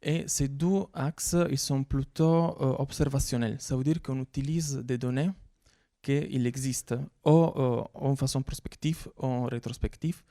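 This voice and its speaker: A man's voice: medium pitch, steady tone, measured pace, mellow, dry recording, studio quality. A man with an Italian accent giving a conference talk as a researcher, hesitant with many fillers. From Italy. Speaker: researcher presenting. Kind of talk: conference presentation.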